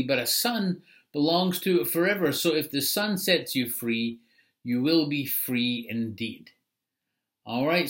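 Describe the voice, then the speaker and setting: A man's voice: on the high side, a bit bright. Conversational man preaching a sermon. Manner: explanatory, conversational preaching with asides. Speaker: pastor.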